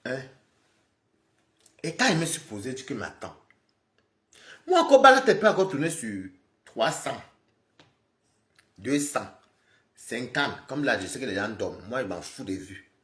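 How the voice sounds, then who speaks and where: A man live streaming, scolding and lecturing his viewers in an animated, repetitive rant. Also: medium pitch, moderate pace, long pauses, echoey room. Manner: scolding, animated, repeats himself, talks straight to viewers.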